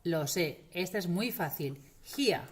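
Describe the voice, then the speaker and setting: Speaking straight to camera in a classroom-style lesson, a very animated woman teaches pronunciation. She talks slowly, drawing out each example word and repeating it so learners can follow, her pitch rising and falling widely through every sentence.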